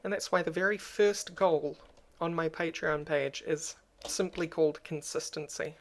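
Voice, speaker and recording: In a personal vlog addressed to camera, a YouTuber speaks with a crackly, medium-pitched voice at normal speed. The tone is subdued and hesitant, punctuated by frequent ums.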